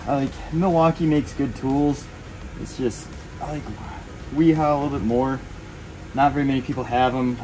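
A young man with a mid-range voice, a plumber, chats at a moderate pace about his tools while in a crawl space under a building, pausing often. The poor recording carries a little hiss or hum, and his talk in this casual on-the-job interview is relaxed and rambling, thick with "I mean" and "like."

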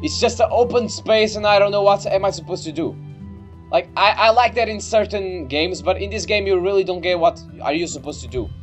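A young man doing excitable, easily startled, sweary let's play commentary on a video game. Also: high-pitched, a little fast. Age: young adult. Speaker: gaming video creator. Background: game music.

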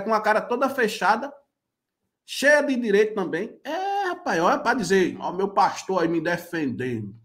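Guy reacting live, really high lively voice, keeps mocking and repeating lines. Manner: mocking, incredulous, repeats phrases. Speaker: reaction commentator.

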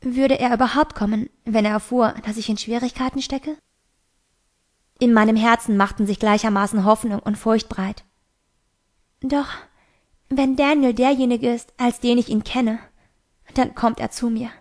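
A woman's voice: fairly high pitch, normal speed, pauses often. Woman reading a novel aloud. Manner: steady first-person storytelling. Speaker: audiobook reader.

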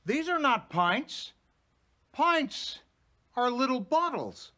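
A fussy, formal father in a sitcom, choosing his words with deliberate care. His pitch swoops widely, rising sharply when he is exasperated. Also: very animated, bright, forceful tone, heavily acted. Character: fussy, exasperated middle-aged father and businessman. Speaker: father, would-be milk seller. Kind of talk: sitcom acting.

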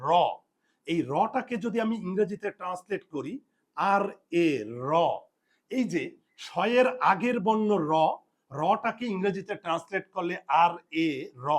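High-voiced man teaching a spelling lesson. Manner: repeats and drills points, asks and answers own questions. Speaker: Bengali language teacher.

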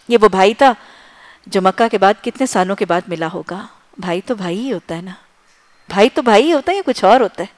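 A woman preacher giving an impassioned sermon, building rhythmic lists of short phrases and dropping to soft, low asides. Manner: swings between loud emphasis and soft low asides. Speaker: Islamic preacher.

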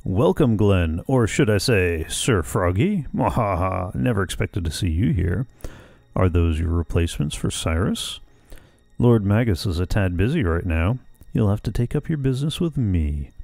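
A man's voice: lowish voice, big pitch swings, normal speed, vocal fry, a little mellow, no echo, exaggerated voice. A man voicing a boastful, mocking fiend villain from a fantasy video game, with theatrical delivery. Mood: mocking, gloating.

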